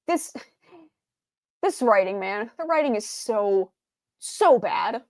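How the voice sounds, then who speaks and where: A woman's voice: medium pitch, animated, slow, no room sound. A young adult woman streamer doing game reaction commentary, ranting in an exasperated tone and swearing freely.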